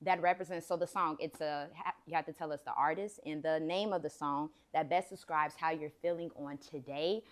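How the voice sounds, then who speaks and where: A woman's voice: low-pitched, fairly quick, hardly any pauses. A woman hosting a talk show, upbeat and playful, with lots of slang. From Chicago, USA. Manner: lively, hype, playful slang.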